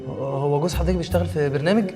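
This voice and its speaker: An actor playing an anxious young husband in a TV comedy, speaking with an Egyptian Arabic accent in a flustered, exasperated way. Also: male voice, a little high, rapid-fire, warm tone, faint music behind, close to an everyday voice. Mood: awkwardly polite. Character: frazzled young husband, anxious and quick to panic. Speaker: software engineer husband. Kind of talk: TV comedy series acting.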